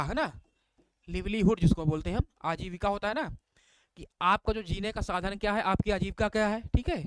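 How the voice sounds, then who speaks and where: Brief: male teacher, live online class, high clear voice, repeats questions back to viewers, dry close mic. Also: fairly bright tone, no echo. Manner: repetitive questioning, addresses viewers as bhaiya; reads out answer options, praises viewers by name. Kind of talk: live online exam-prep lesson.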